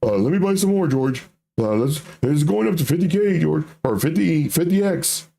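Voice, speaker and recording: Man putting on a hyped-up, high-pitched crypto bro. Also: lively intonation, moderate pace, vocal fry, warm tone. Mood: eager, gullible. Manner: crypto bro hype, pushy, slangy, repeating catchphrases. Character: hyped-up crypto bro pump-group leader and eager follower. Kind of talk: mocking impression in a livestream.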